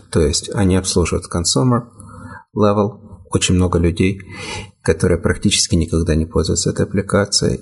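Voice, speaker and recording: A man with a very low voice explains software platforms at an unhurried pace. His tone is gravelly and slightly husky, and he pauses often to search for words. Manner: measured, hesitant with frequent fillers. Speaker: software developer. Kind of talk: technical discussion.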